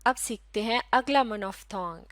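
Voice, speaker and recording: A woman teacher with a Pakistani accent, slowly explaining and modelling vowel sounds in a recorded lesson, repeating each one patiently. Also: fairly high pitch, a bit bright, dry recording, studio quality.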